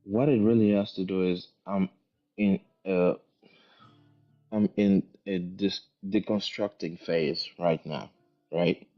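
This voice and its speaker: Low, steady, and slow, the man's voice carries a thick foreign accent as he answers questions casually, pausing to think aloud and repeating phrases. Behind him, music plays over dull lo-fi sound.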